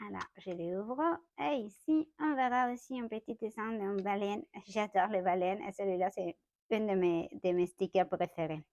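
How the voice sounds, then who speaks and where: A woman's voice: medium pitch, normal speed, darkish tone, dry recording, lo-fi sound. A young woman from Mexico with a Mexican Spanish accent, speaking French as a second language, giving a chatty watercolor tutorial in her home studio, often correcting herself. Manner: chatty, self-correcting, light laughs. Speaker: watercolor artist. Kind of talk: casual art tutorial.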